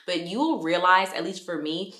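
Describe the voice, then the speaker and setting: Speaking at normal speed in a lowish, sharp-toned voice, a twenty-something woman talks straight to her viewers with motivational self-improvement tips. Her manner is direct and chatty, and the recording has a roomy echo.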